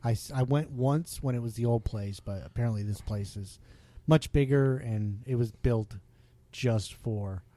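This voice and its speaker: Guy hosting a podcast, laughs a lot, gets excited, hiccuping, mid pitch, dry close mic. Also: a little slow, no echo. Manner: laughs often, excitable, trails off. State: has the hiccups. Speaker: podcast host. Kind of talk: casual podcast chat.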